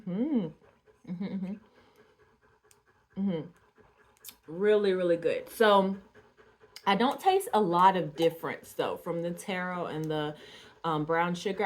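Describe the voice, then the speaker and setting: A woman from Georgia, chatting casually to camera about dolls and drinks, with frequent ums and little laughs. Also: fairly low pitch. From Georgia, USA. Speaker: doll artist vlogger.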